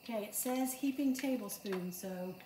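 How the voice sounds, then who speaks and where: A woman's voice: mid-range voice, normal speed, background noise. Chatty woman cooking in an echoey kitchen. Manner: chatty, self-deprecating, talks to herself while working. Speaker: home cooking vlogger. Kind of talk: casual cooking chat to camera. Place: home kitchen, indoors. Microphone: camera across the kitchen counter. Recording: echoey kitchen with clattering dishes.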